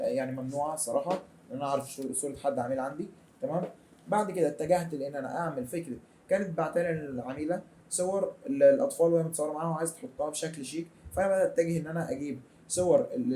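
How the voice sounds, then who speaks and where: A young man with an Egyptian accent gives a chatty, colloquial software tutorial over a screen recording. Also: a little high. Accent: Egyptian Arabic. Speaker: design tutor.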